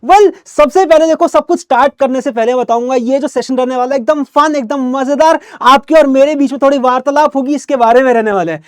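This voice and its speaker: A young man teaching English in an energetic online class, talking like a friendly big brother and often checking in with his students. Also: very high-pitched, brisk, hardly any pauses, dry recording, studio quality.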